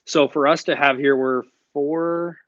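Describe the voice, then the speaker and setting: A man's voice: fairly high pitch, fairly even intonation, unhurried, fairly bright tone, no echo, highs cut off. A young man hosting a live online Q&A, talking casually and directly. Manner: casual and direct, chatty with fillers. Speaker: host of a live Q&A stream.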